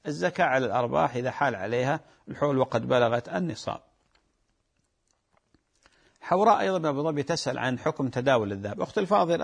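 A man's voice: a little high, creaky, slightly rough. A man with a Gulf Arabic accent, an Islamic scholar answering callers' religious questions in a patient, explanatory way that repeats key points. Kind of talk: religious call-in Q&A.

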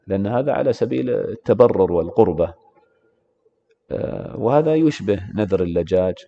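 A man's voice: low-pitched, vocal fry. A man teaching Islamic law in a classroom lecture, repeatedly posing rhetorical questions to his students. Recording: reverberant hall, dull lo-fi sound.

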